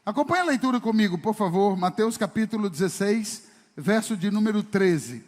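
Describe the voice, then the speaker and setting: A man with a high, expressive, somewhat dark voice preaches a sermon as a pastor at a moderate pace. He is emphatic and fires rhetorical questions at the congregation. The church service hall gives the recording a long reverb.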